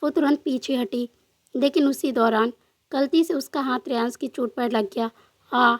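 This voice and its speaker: A woman narrating a romantic storybook in a steady, gentle reading voice. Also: high-pitched, moderate pace, dry recording.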